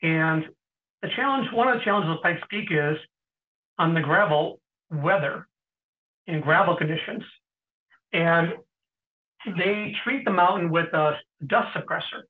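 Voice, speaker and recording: A middle-aged man, an interview guest, tells stories in a casual way, often clearing his throat and pausing with fillers. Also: fairly high pitch. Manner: anecdotal, frequent throat clearing and hesitant fillers. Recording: tinny phone-like sound.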